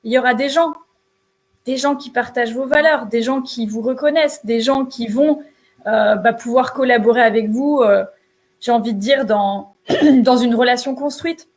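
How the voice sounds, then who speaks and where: A woman's voice: a little high, normal speed, darkish tone. A woman entrepreneur co-hosting a show, giving casual motivational advice in an emphatic, colloquial way.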